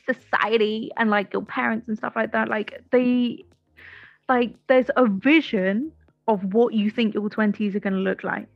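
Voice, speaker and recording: A woman's voice: a little high, steady tone, unhurried, vocal fry, no echo, dull audio. A woman in her twenties co-hosting a podcast in casual chat, swearing freely and filling her talk with "like". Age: 20s. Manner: chatty, swears freely, lots of "like" fillers. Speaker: podcast co-host.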